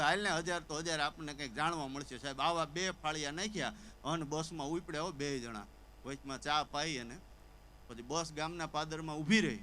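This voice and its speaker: On stage, a stand-up comedian performs Gujarati folk comedy storytelling, acting out characters animatedly with stammers and sobs. His voice sits on the high side, and the poor audio carries slight background noise.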